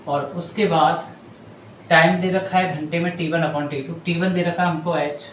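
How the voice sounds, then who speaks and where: A man with a fairly high voice explains a physics problem step by step, in a patient and chatty way that keeps checking in with his students. The room is roomy and echoey, with a faint hiss of noise underneath. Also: flat delivery, measured pace, muffled recording. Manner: patient, chatty, addresses students as bhaiya and beta. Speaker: physics teacher. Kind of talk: board lesson explaining a numerical.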